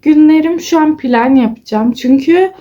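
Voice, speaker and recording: A woman in her twenties speaks at normal speed in a high, warm voice, on a muffled recording. Chatting casually to her vlog followers, she tells stories, acts out what people said and giggles.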